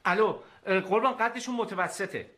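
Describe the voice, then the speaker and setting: A man's voice: high-pitched, bright, forceful tone. An actor playing a harried man relaying questions on the phone in a comedy series. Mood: brisk.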